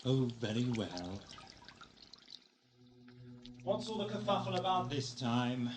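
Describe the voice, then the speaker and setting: An actor with a British accent playing an eccentric, wry time-travelling Doctor in an audio drama, with theatrical phrasing. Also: male voice, mid-range voice, big pitch swings, slow pace, noisy background. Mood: wry, playful. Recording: lo-fi 1980s amateur audio drama, music behind.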